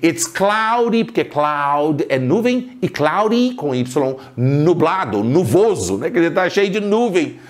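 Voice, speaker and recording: Give me a man as an English teacher, unhurried, with a lively pitch that rises and falls. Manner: repeats English sentences slowly for learners. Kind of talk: bilingual language lesson.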